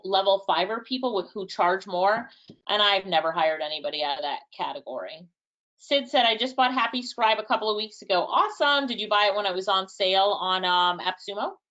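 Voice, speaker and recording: This webinar presenter, a woman with a Jamaican accent, casually responds to chat questions in her live online workshop, thinking aloud and letting out light laughs. Her mid-range voice is a bit bright, and the high frequencies are cut off.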